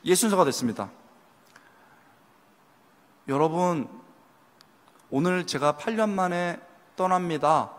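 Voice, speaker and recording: A man preaching a sermon to young adults, telling stories with lively delivery and acting out people's lines. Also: sits high, takes it slowly, long pauses. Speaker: pastor. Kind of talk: sermon at a youth retreat. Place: church sanctuary. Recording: long hall reverb.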